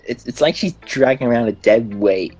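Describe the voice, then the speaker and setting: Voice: mid-range voice, animated, normal speed, darkish tone, husky, faint music behind. A player reading aloud the lines of a prickly teenage girl from a visual novel, blunt and teasing. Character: prickly teen girl club member.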